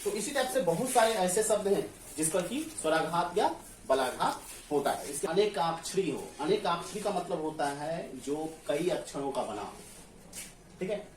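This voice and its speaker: A man with a slightly high, animated voice teaches grammar in a classroom at a moderate pace, asking the class questions, answering them himself and often checking "clear?". He stands some distance from the mic, his voice carrying through an echoey room over a faint hum of ambience.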